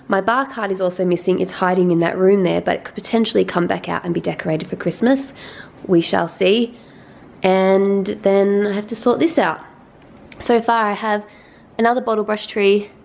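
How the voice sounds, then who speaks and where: A young woman chatting casually to camera in her apartment, self-deprecating and relaxed. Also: medium pitch, gravelly. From Australia. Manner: chatty, self-deprecating, talks with mouth full while tasting. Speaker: lifestyle vlogger. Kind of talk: casual vlog chat. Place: small apartment indoors.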